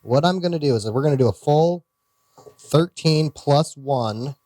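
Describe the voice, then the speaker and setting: With a fairly high pitch but a dark tone, this man speaks at a measured pace over a slight hiss or hum. He's a gun channel host with an Iowa accent, rambling and self-correcting in a casual outdoor range vlog featuring ammo test readouts.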